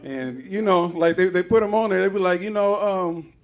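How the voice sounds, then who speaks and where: A man's voice: sits high, moderate pace. A man doing a loose, rambling stand-up comedy set on a club stage, acting out other people's voices. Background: audience laughter.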